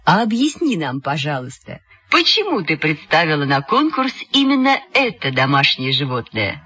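Pompous nasal schoolboy reporter, self-important, low and husky, put on by a woman. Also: sing-song, moderate pace, pushed and bright, muffled recording, soft background music, exaggerated voice.

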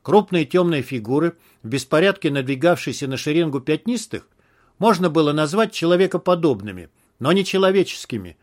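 Male audiobook narrator, voice a bit high, acts out the shouts. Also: animated, fairly quick.

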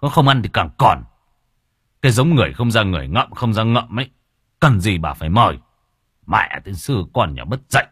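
A man voicing a hot-tempered old village father who rants and yells at his son and wife. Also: fairly low pitch, very animated, a little fast, pauses often, husky, no room sound, studio quality, heavily acted. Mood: grumbling. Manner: yelling, ranting.

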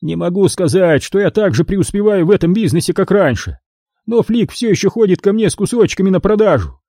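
A man's voice: sits high, lively intonation, brisk, warm tone, dry recording, studio quality, pitched above the performer's own voice. A man doing a flustered nervous father. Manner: flustered, babbling. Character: nervous, fussy middle-aged father, information dealer. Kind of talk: audiobook reading.

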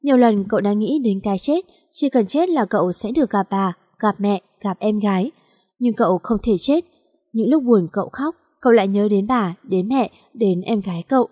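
Woman, storybook narration, mournful, medium pitch, dry sound. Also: normal speed, mellow, dry recording. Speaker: audiobook narrator.

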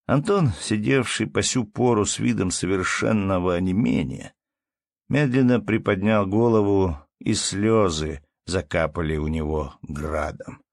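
A man narrating a classic prose story in a measured, expressive audiobook reading. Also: low voice, creaky, no echo.

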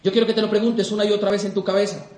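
A man's voice: high voice, little pitch movement, racing, darkish tone. A young man from Colombia giving an emphatic motivational talk to a live audience, full of repeated rhetorical questions. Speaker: motivational speaker. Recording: echoey hall.

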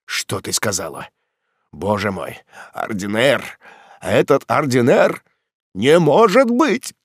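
A man voicing a bitter, vengeful old father in an audiobook, speaking gravely and low. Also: sing-song, slow pace, no echo, full character voice. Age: older. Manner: grave, brooding, bursts into fury.

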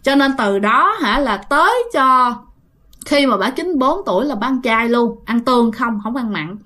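A woman's voice: a little high, expressive, measured pace, sharp tone. A woman with a Southern Vietnamese accent telling a ghost story in a chatty way, often addressing her listeners.

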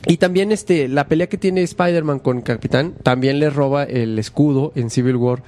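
A Mexican man hosting a casual podcast, chatting in an animated, slangy way and acting out quotes. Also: medium pitch, moderate pace. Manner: animated, slangy, acts out quotes in shifting voices. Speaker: podcast host. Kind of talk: casual chat.

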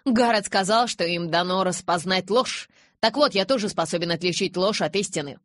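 A woman voicing a nervous young man in an audiobook, speaking in a high, strained voice. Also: moderate pace, dry recording, clean studio sound, lightly acted.

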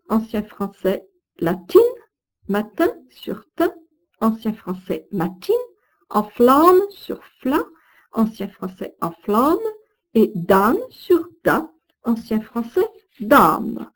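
A woman giving a recorded lesson, reciting old verse and explaining pronunciation with slow, deliberate diction that stresses each syllable. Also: fairly high pitch, a little mellow, low-quality recording. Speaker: teacher of Old French.

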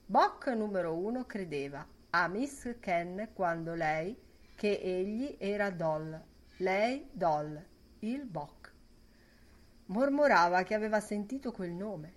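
A woman reading a novel aloud as an audiobook narrator, in lyrical, fragmented phrasing. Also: medium pitch.

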